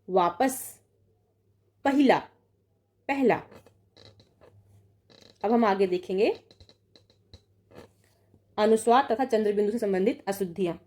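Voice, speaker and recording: A young woman with a mellow, fairly high voice leads an online Hindi exam-prep session. Reading word pairs aloud, she corrects each and keeps checking in.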